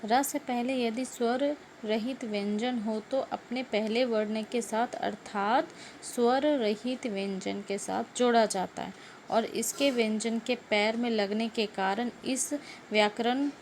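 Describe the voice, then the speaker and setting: A woman's voice: fairly high pitch, a little hiss or hum. A woman teacher giving a grammar lesson to schoolchildren. She repeats words and keeps asking the class questions.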